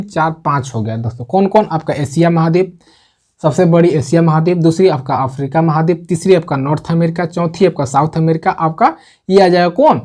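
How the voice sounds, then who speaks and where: A man's voice: fairly high pitch, darkish tone. A man teaching an online geography lesson. He repeats each point, asks questions and answers them himself, and keeps saying "okay, friends" between points.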